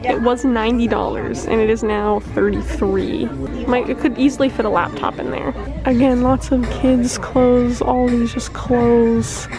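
Speaking in a slightly high, flat, unhurried voice, a young woman records herself on a handheld phone while touring an outlet store. She chats casually, calls out prices and gushes about the merchandise, with store music in the background and a rough overall recording.

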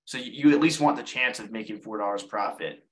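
Taking viewer questions during a live selling webinar, this online seller explains things casually, repeating words and often starting phrases over. He speaks a little fast in a lowish, fairly bright voice, and the recording is rough.

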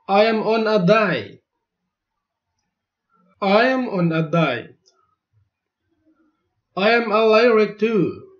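Slow, deliberate man drilling phrases. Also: sits high. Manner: each phrase spoken twice, clearly and deliberately. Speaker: language teacher. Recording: dull lo-fi recording.

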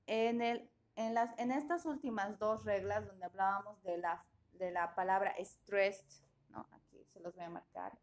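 A woman teaching an English grammar class, explaining patiently and often checking that students follow. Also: medium pitch.

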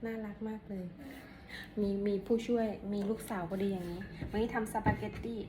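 A woman's voice: medium pitch, fairly even intonation, brisk. A woman chatting casually as a mother in a home vlog, encouraging her young children with frequent exclamations and polite phrasing. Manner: encouraging, exclaiming, uses polite feminine particles. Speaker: mother filming her young children as they help cook. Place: indoors at home. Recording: echoey room with clear background noise.

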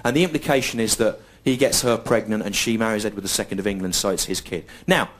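A middle-aged man performing a stand-up comedy routine on a stage in front of a live audience, with dry, deadpan and repetitive phrasing. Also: on the low side, quick pace. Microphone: stage microphone. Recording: live show recording with audible noise. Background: audience laughter.

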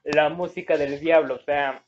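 A man's voice: fairly high pitch, steady tone, normal speed, faint music behind. A man with a Mexican Spanish accent giving casual gameplay commentary, rambling and searching for words as he reads game words aloud. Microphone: phone. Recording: dull lo-fi phone recording.

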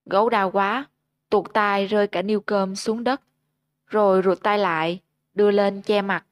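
A woman host narrating a ghost story in a steady, measured storytelling manner, on a close mic. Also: medium pitch, dry recording.

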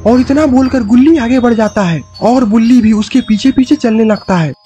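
High-voiced man narrating a horror cartoon. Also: normal speed, dark tone, soft background music. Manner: dramatic, suspenseful storytelling. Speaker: storyteller.

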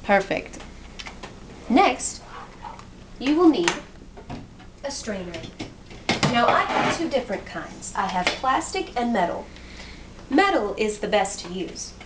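Jokey and self-deprecating, a young adult woman chats through a cooking demonstration in a small kitchen at home, moving around as she works. She talks slowly with long pauses, her fairly high voice swinging widely in pitch. A moving handheld camera mic records it, with noisy home audio.

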